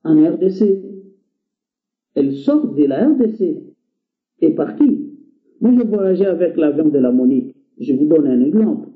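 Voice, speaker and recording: Heard through a tinny internet call, a Congolese man with a slightly high voice and lively intonation talks at a normal speed, leaving long pauses. He is a guest on a call-in program, speaking French as a second language after Lingala or another Congolese tongue. His talk is an earnest, impassioned exhortation full of hesitations.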